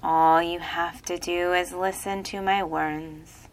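A woman leads a listener into deep relaxation, her low voice moving at an unhurried, drawn-out crawl. Her tone is smooth and clear, and every phrase comes soft and repetitive, like a hypnotherapist's script. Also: steady tone. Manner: slow soothing repetitive delivery.

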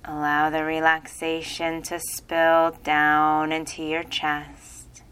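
A woman reading a guided relaxation hypnosis script in a slow, soothing, repetitive way. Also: low-pitched, completely flat delivery, a bit bright, clear, resonant tone.

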